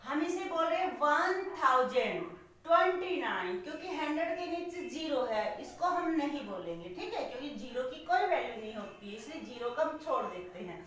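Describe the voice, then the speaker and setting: Woman teacher, high voice, patient classroom lesson, very echoey room, mic far off. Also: big pitch swings, a bit bright, slight background noise. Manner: slow, patient, repeats questions and calls the pupil "beta". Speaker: primary school teacher.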